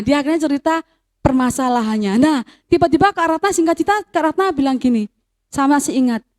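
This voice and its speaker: A woman, telling a personal testimony in a sermon for young people and mixing in phrases as she tells the story. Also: sits high. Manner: storytelling, drops into Javanese phrases. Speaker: youth speaker.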